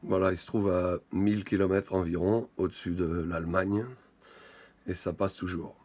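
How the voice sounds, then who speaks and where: A man giving measured, matter-of-fact technical commentary as he demonstrates radio equipment. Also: deep voice, little pitch movement, a little mellow. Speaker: radio enthusiast presenting a live equipment test. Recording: clearly noisy, radio hiss.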